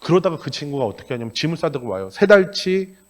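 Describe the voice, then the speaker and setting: A man's voice: fairly high pitch, fast talker. A middle-aged male pastor giving a sermon, telling stories in a blunt, colloquial way and acting out the dialogue. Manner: animated storytelling with acted-out dialogue. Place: church sanctuary.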